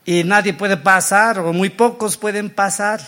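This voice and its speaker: Earnest preaching man, higher voice. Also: fairly even intonation, measured pace, pushed and bright. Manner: earnest storytelling preacher with frequent self-corrections. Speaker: pastor. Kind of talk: sermon.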